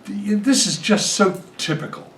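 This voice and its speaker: A man's voice: high voice, moderate pace. An older man playing a defensive banker husband who insists that he is funny. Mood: offended. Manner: indignant, defensive. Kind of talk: film drama acting. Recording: roomy echo.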